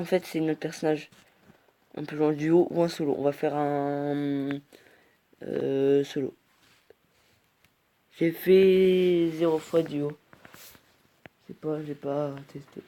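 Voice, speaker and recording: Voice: mid-range voice, mellow. A mobile game player giving casual gameplay commentary, rambling and hesitant, reacting aloud as the game goes on.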